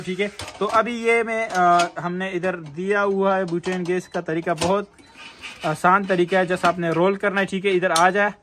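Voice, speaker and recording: A man's voice: high voice, fairly bright tone, a little hiss or hum. A young man selling and demonstrating a portable gas stove in his shop, talking in a casual salesy way and repeating "theek hai" to close each point. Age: young adult. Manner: salesy, says "theek hai" after nearly every point. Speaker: shop seller demonstrating products. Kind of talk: casual product demo. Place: indoor electronics shop storeroom.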